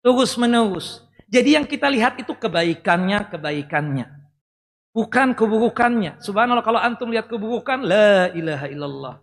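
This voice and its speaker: A man preaching a sermon to a live audience in a lively way, asking questions and joking as he goes. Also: sits high, normal speed. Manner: lively, talks directly to the audience, jokes and asks questions. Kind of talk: Islamic sermon. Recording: long reverb in a hall.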